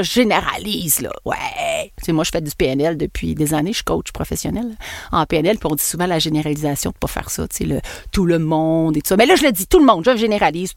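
Animated Québécoise podcast host, dry close mic. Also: female voice, vocal fry, no room sound. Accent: Québécois French. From Quebec. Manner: animated and playful, swooping pitch, laughs at herself. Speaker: podcast host and NLP coach. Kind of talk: casual solo podcast monologue.

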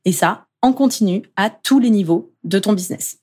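A woman's voice: medium pitch, moderate pace, darkish tone, breathy edge. Upbeat chatty woman podcast host. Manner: chatty, upbeat, addresses listener informally. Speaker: productivity coach and podcast host. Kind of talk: solo podcast talk.

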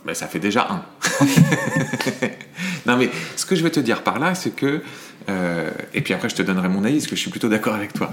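Middle-aged male film reviewer, fairly low pitch, measured and explanatory, many restarts. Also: animated, fairly bright tone, a little hiss or hum. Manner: hesitant, thinking aloud with many restarts. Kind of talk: casual chat.

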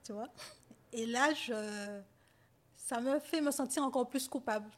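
A woman guest on a podcast, telling her personal story in a halting, hesitant way that often trails off quietly. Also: fairly high pitch. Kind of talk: personal testimony in conversation.

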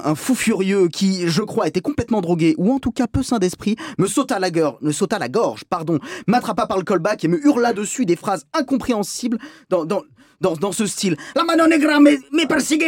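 A man's voice: on the high side, darkish tone, dry recording. Hammy mock-dramatic man, dry close sound. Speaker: film review columnist. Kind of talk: theatrical comic review.

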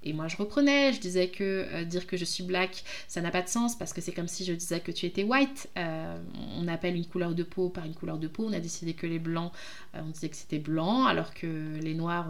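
A French woman hosting her own podcast, speaking in a reflective, hesitant way with many pauses. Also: lowish voice, vocal fry. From France. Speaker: podcast host, jurist. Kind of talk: casual podcast monologue.

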